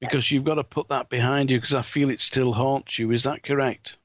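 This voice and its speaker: A man hosting a live call-in psychic radio show, giving readings in a halting way with repeated words. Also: mid-range voice, steady tone, fairly bright tone, no room sound.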